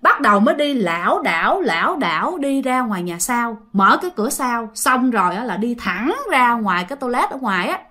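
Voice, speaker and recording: A woman's voice: a little high, very animated, brisk, few pauses, sharp tone. A woman telling a ghost story in a chatty, casual way, speaking directly to her listeners.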